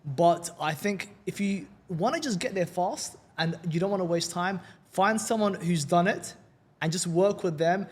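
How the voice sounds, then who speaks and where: As a guest on a casual podcast, a London man talks in an upbeat, chatty manner, often repeating words as he starts a sentence. His London-accented voice sits high, is slightly rough, and moves at a normal speed.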